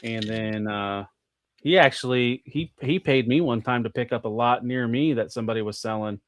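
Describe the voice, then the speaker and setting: An American man, appearing as a podcast guest, chats casually in a medium-pitched voice at a moderate pace, with no echo. His talk rambles, heavy with "like" and full of restarts.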